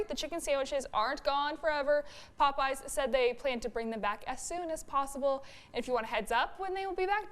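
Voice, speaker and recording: Quick, high-voiced weatherwoman. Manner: upbeat, fast-talking. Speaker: weather presenter and co-anchor. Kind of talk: morning news and casual co-host chat. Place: local TV news studio.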